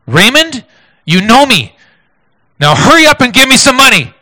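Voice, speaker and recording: A man voicing a rough, impatient male panhandler who shouts with urgency and slurs his words. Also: extremely high pitch, sing-song, normal speed, voice pushed up, full character voice. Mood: commanding.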